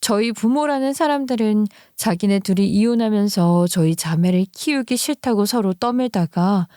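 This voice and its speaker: A woman's voice: medium pitch, normal speed, dark tone, no echo, studio quality. A woman narrating a true-life story in a conversational, emotive radio style.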